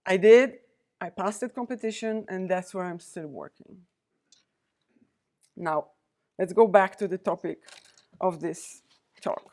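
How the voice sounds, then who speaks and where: Visiting a university as a diplomat, a Polish woman in her forties delivers a prepared lecture. Her voice sits fairly low with a darkish tone, and she speaks in a measured, deliberate way, pausing between the points she lists.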